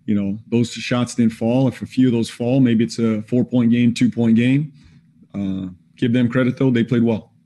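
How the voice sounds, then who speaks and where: Over a video call after the game, a basketball head coach in his forties answers reporters from an indoor spot with a team backdrop behind him. His mid-range voice is steady and dark in tone, and his plain, measured replies are full of fillers.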